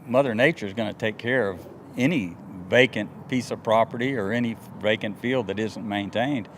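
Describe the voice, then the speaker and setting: Recorded outside in a grassy, wooded clearing, with noise and a faint hum of vehicles, a sixty-something airport worker and pilot is interviewed. He recounts his story earnestly and folksily in a casual, lowish, fairly bright voice at a moderate pace.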